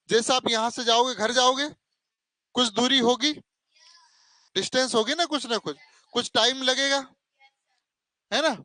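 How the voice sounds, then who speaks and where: This math teacher speaks in a very high-pitched, sharp voice, stern and scolding toward his students, whom he calls "beta". He keeps asking "hai na?" as he coaches a classroom with students and online viewers. Audio is poor, with no echo.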